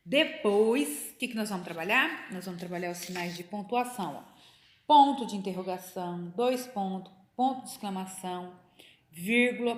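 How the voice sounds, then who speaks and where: A woman's voice: medium pitch, a bit bright. A middle-aged Brazilian woman teaching a class to children, encouraging them and asking and answering her own questions. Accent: Brazilian Portuguese.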